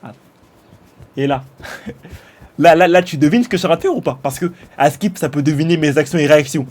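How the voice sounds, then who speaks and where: A man, a streamer chatting casually and mockingly, slangy and teasing, swinging between loud outbursts and mumbles. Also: fairly high pitch, a little fast, slight background noise. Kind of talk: casual mocking chat with a chatbot.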